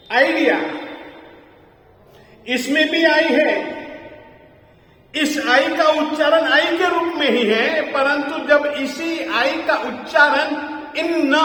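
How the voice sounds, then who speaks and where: Slow, high-voiced man in an echoey hall. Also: sharp tone. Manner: slow, deliberate, spells words out letter by letter. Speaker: teacher of Sanskrit pronunciation. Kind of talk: slow classroom lesson. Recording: very echoey hall with long reverb.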